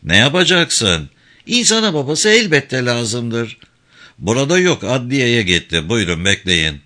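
A polite, urbane young gentleman speaks in a calm, courteous, reasoning way, as voiced by a male audiobook reader. His tone is bright, with lively pitch. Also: measured pace. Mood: patient. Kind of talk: audiobook character reading.

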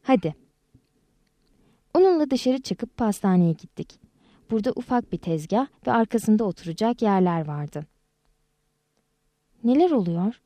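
Mellow-voiced woman reading a story. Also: mid-range voice, lively intonation, normal speed, no echo. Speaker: audiobook narrator. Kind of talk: scripted storybook narration.

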